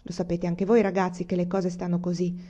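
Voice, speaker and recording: A woman voicing a gaunt middle-aged frontier father who speaks calmly and reasonably, in an audiobook reading. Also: on the low side, natural voice. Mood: steady, reasonable. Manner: calm, reasoning, measured. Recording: dull lo-fi recording.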